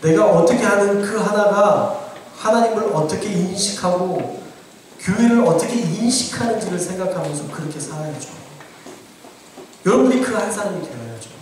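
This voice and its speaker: Pastor guy preaching, kinda high voice, super echoey church, mic way off. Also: a little hiss or hum. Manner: earnest, exhorting, addresses congregation directly. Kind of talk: sermon. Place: church sanctuary. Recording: very echoey church room, from far off.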